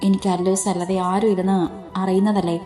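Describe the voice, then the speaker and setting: A woman's voice: mid-range voice, level tone, a little fast, warm tone, soft background music, lightly acted. A woman voicing a hurt, tender young wife in a spoken story, with pained questions.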